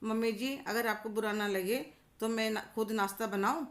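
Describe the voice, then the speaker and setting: A woman voicing a modest, sweet young bride who speaks softly and politely, in a storybook tale. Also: a little high, fairly even intonation, normal speed, lightly acted.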